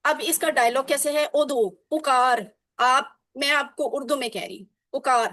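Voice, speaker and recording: High-voiced woman teacher drilling phrases. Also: fairly bright tone. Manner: explains patiently, drills phrases by repetition. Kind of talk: online class lesson.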